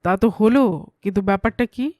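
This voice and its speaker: A woman's voice: medium pitch, fairly quick, darkish tone, dry recording, studio quality, close to an everyday voice. A woman voicing a sleepy, grumpy middle-aged man who grumbles and fusses in a comic audio story. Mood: irritated. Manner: grumbling, fussy about his name.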